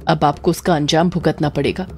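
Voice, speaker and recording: A defiant young woman who firmly stands up to her mother, voiced by a woman storyteller. She speaks firmly and insistently. Soft music plays faintly behind her. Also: low-pitched, fairly even intonation, brisk. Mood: firm, pleading. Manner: firm, insistent. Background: faint background music.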